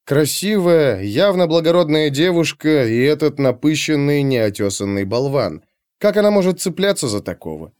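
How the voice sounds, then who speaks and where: A man narrating an audiobook in a scripted, expressive, dramatic storytelling manner. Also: on the high side, normal speed, smooth, no room sound, studio quality.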